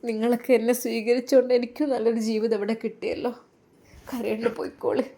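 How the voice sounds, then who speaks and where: A kind young woman, as a woman storyteller acts her out, offers gentle comfort in a mellow, warm voice. Her delivery stays soft and reassuring. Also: fairly high pitch, flat delivery, fast, natural voice.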